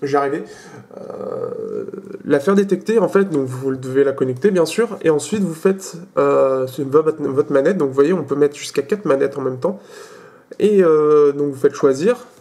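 A man's voice: a little high, normal speed, dark tone. Hesitant young French man demoing tech. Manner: hesitant, many fillers and restarts. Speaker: tech video host. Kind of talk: casual screen demo.

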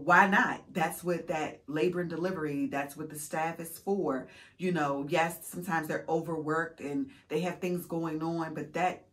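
Woman vlogger in her thirties, low voice, earnest, encouraging, repeats her points like a preacher. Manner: faith-filled, preacher-like repetition. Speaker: vlogger, mother of five. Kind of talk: casual heartfelt storytelling to camera.

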